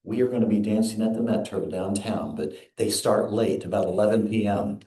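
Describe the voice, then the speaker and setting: A man minister giving an earnest, measured sermon in a church. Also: lowish voice, warm tone. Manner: earnest, measured preaching with quoted readings. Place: church sanctuary. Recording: echoey sanctuary.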